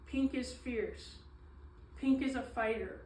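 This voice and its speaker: A woman giving a slow, earnest reading of her own poetry, pausing often with ums and apologies. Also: on the high side, darkish tone, slight background noise. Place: small event space, indoors. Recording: echoey room, mic at a distance.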